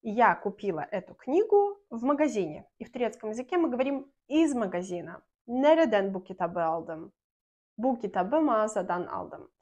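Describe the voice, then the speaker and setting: A young woman from Belarus teaching a language lesson to camera in a small room, speaking clearly and patiently and slowing down to model example sentences. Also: a little high, big pitch swings, darkish tone, lo-fi sound.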